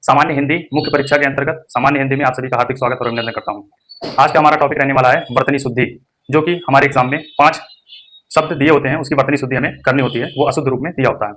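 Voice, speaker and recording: A young man teaching an exam-prep Hindi lesson. He stresses each word and then repeats it slowly. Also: mid-range voice, steady tone, a bit bright.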